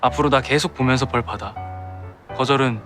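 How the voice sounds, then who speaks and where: Cool, deadpan young man, mid pitch actor's role. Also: fairly quick, natural voice. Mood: teasing, blunt. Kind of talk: Korean TV drama acting. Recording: music behind the voice.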